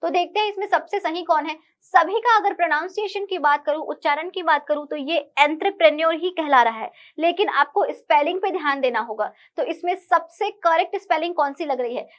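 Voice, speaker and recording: Woman, high voice, patient teacher tone, slightly dull recording. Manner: patient, explanatory, repeats key words. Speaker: exam-prep English teacher. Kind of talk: online lesson, explaining MCQs.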